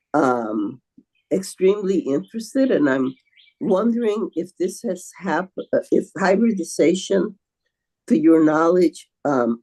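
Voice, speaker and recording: An older woman speaks slowly over a video call. Her voice is dark and mellow, and she halts often, restarting her phrases and filling gaps with "um" and "uh". She sounds like an audience member posing a careful question at a seminar. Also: sits low, breathy edge, rough recording. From Venezuela. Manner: halting, with many fillers and restarts.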